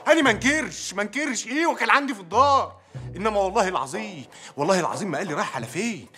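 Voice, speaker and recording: A man's voice: sits high, expressive, very fast, sharp tone. An actor with an Egyptian accent playing a frightened accused villager, begging and swearing his innocence. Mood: pleading. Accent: Egyptian Arabic.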